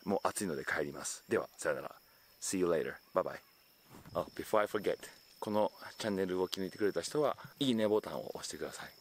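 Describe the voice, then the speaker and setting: A man with a lowish voice teaches a casual lesson outdoors, his intonation swinging widely as he drops into sample English phrases. Insects chirp faintly behind him. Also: lively intonation, fast talker, slight background noise. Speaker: English teacher on a video channel. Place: outdoors in hot weather.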